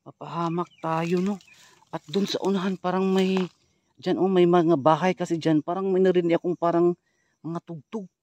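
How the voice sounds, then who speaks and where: A man from the Philippines vlogging a ghost hunt outdoors in a rural wooded spot, switching between loud calls and low hushed murmurs. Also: fairly even intonation, moderate pace, dry recording. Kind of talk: hushed exploring vlog commentary.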